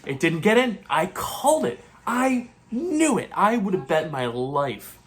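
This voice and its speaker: A man hosting a movie channel, chatting in a low, careful voice so he won't wake the neighbors, as if quiet at night. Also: very animated, a little slow. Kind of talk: live awards reaction chat, quietly at night.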